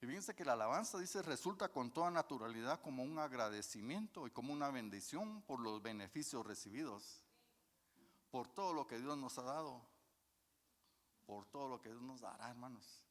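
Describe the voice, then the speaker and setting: A man's voice: mid-range voice, expressive, moderate pace. Folksy preacher man in a reverberant church. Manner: folksy, addresses the congregation as brothers, asks and answers questions. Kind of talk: sermon. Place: church hall.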